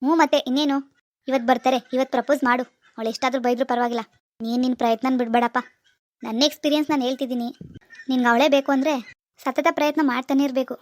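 A woman's voice: sits high, fairly even intonation, quick pace, dry recording, studio quality, lightly acted. Woman voicing a cocky know-it-all young man. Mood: pushy. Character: cocky young man giving love advice. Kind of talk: cartoon dialogue.

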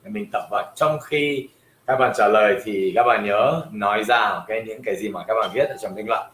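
A man teaching a livestream lesson, talking slowly and hesitantly with many fillers, switching between Vietnamese and English. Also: fairly low pitch, fairly bright tone, a little hiss or hum. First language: French. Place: livestream room. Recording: roomy livestream sound.

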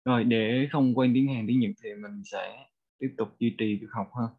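A man with a Vietnamese accent teaching a bilingual vocabulary lesson, repeating each phrase slowly for learners. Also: medium pitch, fairly even intonation, breathy edge, phone-quality sound. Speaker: language teacher.

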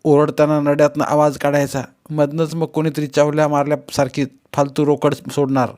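A man's voice: a little high, monotone, moderate pace, a little mellow, pitched above the performer's own voice, natural voice. A man reading aloud, voicing a young village woman who was a temple dancer, in an earthy rural dialect. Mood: scornful.

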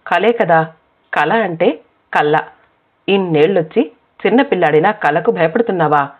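Dismissive young wife with a sharp tongue, low-ish voice, as a lady reads her out, tinny phone-like sound. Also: lively intonation, moderate pace, breathy edge. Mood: mocking. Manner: mocking, curt.

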